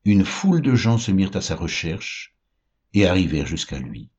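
Low husky man reading scripture. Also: sing-song, darkish tone. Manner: slow, measured. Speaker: Bible reader. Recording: dull lo-fi recording.

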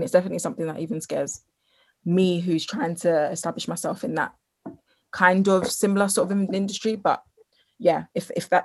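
A woman speaking reflectively in a casual panel discussion. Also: lowish voice.

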